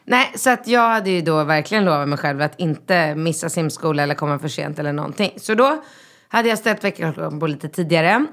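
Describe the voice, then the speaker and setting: A woman in her thirties, a mother, chatting casually and telling a lively story, acting out the voices in it. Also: low voice. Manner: lively storytelling with acted-out dialogue. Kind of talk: casual chat.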